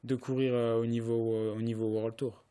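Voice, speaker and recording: A man's voice: medium pitch, little pitch movement, normal speed, mellow, clean tone. A young man from France, a pro cyclist, answering interview questions hesitantly with many restarts and fillers. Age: young adult.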